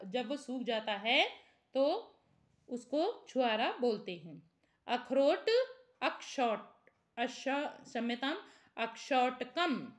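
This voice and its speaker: A woman leads a classroom lesson in a high, bright voice. She reads each word pair at an unhurried pace, then adds quick explanations. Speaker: Sanskrit teacher.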